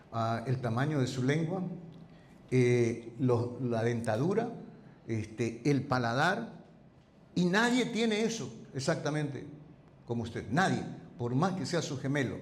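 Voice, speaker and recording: Speaking in a church hall with an echoey sound and slight background noise, this man preaches at medium pitch. He is a pastor with a conversational style who keeps seeking agreement through rhetorical questions, and he handles his voice like a voice teacher attentive to timbre.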